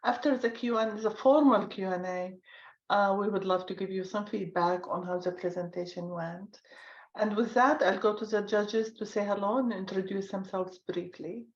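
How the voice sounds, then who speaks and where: A woman speaks as a judge and moderator in a semi-formal, halting way. Her medium-pitched voice comes through an echoey room on dull, lo-fi audio. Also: fairly even intonation. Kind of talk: semi-formal spoken instructions.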